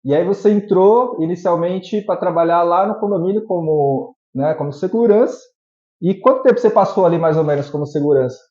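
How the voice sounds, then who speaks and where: A man's voice: sits high, brisk, warm tone. A man hosting a casual interview, enthusiastic and full of fillers. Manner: enthusiastic, uses many fillers like "né" and "aí". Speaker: host. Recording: echoey room, dull lo-fi sound.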